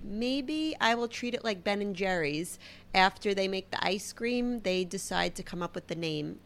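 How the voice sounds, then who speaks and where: A woman's voice: mid-range voice, creaky, a bit bright. Chatty Brooklyn woman in her thirties. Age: 30s. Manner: chatty and self-deprecating. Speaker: podcast host. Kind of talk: casual solo podcast talk.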